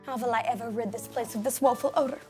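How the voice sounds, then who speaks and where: An actress playing a haughty, fussy city bride who talks in a prim, disdainful, overly formal way. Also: female voice, on the high side, fairly even intonation, fast, a little mellow, natural voice. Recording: film soundtrack with faint music.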